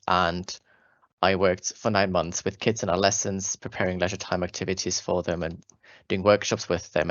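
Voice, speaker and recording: Speaking to school students about how he became a doctoral student, this Austrian German-accented man in his twenties comes across as earnest and friendly, though he restarts sentences and uses fillers. The recording of his low voice is dry and lo-fi.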